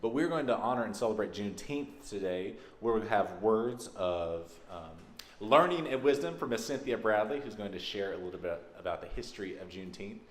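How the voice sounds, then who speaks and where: His voice is lowish and animated as this Texas minister welcomes his congregation, talking a little fast with few pauses. The welcome is informal and folksy, given indoors in a large sanctuary, and the recording is echoey with background noise.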